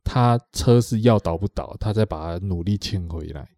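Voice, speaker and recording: A man's voice: deep voice, moderate pace, dark tone, dry recording, clean studio sound. A man with a Taiwanese Mandarin accent telling a rambling story on a podcast, repeating himself and acting out what others said. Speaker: podcast co-host. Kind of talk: casual storytelling chat.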